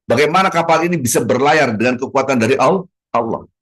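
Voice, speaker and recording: A middle-aged man from Indonesia preaching a dawn sermon in a mosque. His voice is mid-pitched and he tells his stories with a lot of drama, acting out short exchanges between people. He keeps switching between loud exclamations and soft, low asides. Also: fairly quick. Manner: acts out little dialogues in sermon.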